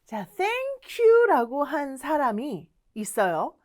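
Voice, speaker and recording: A woman's voice: sits high, wildly swooping pitch, very slow, darkish tone. A young woman teaching English to learners in an online lesson, coaxing and acting out little dialogues.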